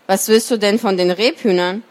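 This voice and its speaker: A woman's voice: mid-range voice, steady tone, moderate pace, natural voice. A woman voicing a bold young boy hero who questions the animals in a storybook reading.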